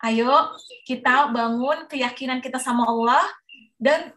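A woman in her thirties speaks in a high, bright register, telling her listeners about her own goals in a chatty, animated way. She gives a motivational webinar talk over a video call from home. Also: measured pace.

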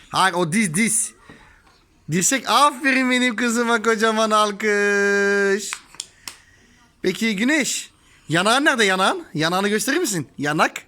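A woman's voice: fairly high pitch, pushed and bright, slight background noise. A woman talking playfully to her toddler in a garden, coaxing her in a sing-song way. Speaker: parent filming her toddler. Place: home garden by a swing.

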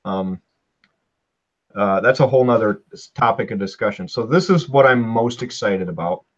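A man hosting a casual chat about cars, talking in an easygoing, halting way. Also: on the low side, lively intonation, highs cut off. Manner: easygoing, halting, many fillers. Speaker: host.

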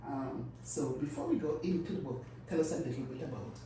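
A woman's voice: sits low, fairly quick, warm tone. Older Caribbean woman hosting, very echoey. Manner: chatty, repeats phrases. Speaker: radio host, interviewer. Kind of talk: casual live radio interview. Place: radio studio. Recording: echoey, distant mic, clear background noise.

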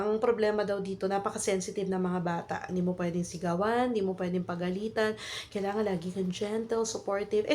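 With a cold and a cough, this woman from the Philippines, in her thirties, chats through a vlog story in Taglish, leaning on fillers and tag questions. She speaks at medium pitch with a darkish tone and a Filipino accent, and there's a little hiss or hum.

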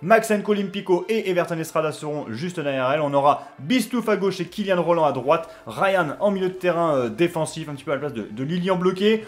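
A young gaming YouTuber talks casually over his football video game in a slightly high voice, speaking fairly quickly with few pauses. He's chatty and leans on fillers and hesitations, then bursts into excited shouting when goals go in.

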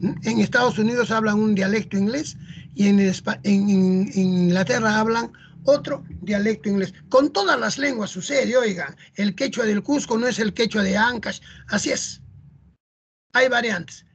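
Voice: medium pitch, normal speed, dull audio, a little hiss or hum. A teacher from Peru with a Peruvian Spanish accent, explaining a lesson in a chatty way, often adding "¿no?" and "¿ah?". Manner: chatty, tags lines with rhetorical "¿no?" and "¿ah?".

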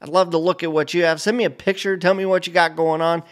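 A middle-aged man hosting a casual flight simulator video, talking over a screen share in a relaxed, rambling way full of fillers and restarts. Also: fairly high pitch, fast. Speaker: flight sim channel host. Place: home studio, indoors.

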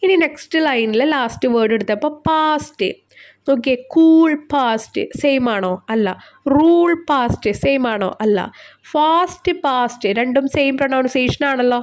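A woman's voice: high-pitched, moderate pace. A woman teacher explaining a lesson step by step, asking questions and answering them herself. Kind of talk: tutorial lesson.

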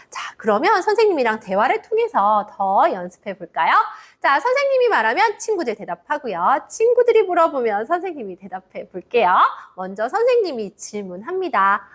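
A woman teaching children English, modelling phrases slowly in a sing-song way. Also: fairly high pitch.

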